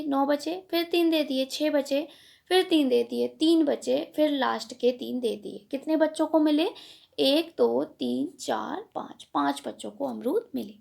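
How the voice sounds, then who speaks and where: A woman's voice: sits high, creaky, darkish tone. A woman teaching a revision lesson, posing each exam question and answering it step by step. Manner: explains step by step, asks and answers own questions.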